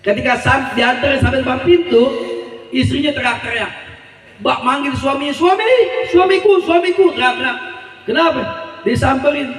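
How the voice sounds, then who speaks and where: A man's voice: very high-pitched, steady tone, normal speed, pauses often, fairly bright tone. A man preaching a sermon, telling a story and drawing answers back from the gathering. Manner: call-and-response with the crowd, storytelling. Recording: echoey hall, voice from far off.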